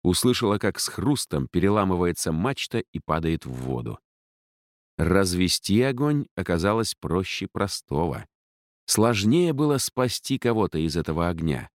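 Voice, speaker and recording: A man with a low voice narrates a fantasy story, his delivery dramatic and full of movement in pitch. It is recorded close, with a dry, unreverberant sound. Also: very animated, moderate pace, no room sound.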